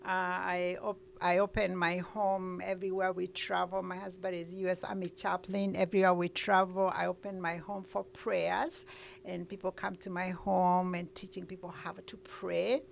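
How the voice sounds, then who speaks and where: A woman's voice: lowish voice, little pitch movement, moderate pace, gravelly, a little hiss or hum. A middle-aged woman with a Kenyan accent, telling her life story as an interview guest in an earnest way. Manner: earnest storytelling, with frequent uhs.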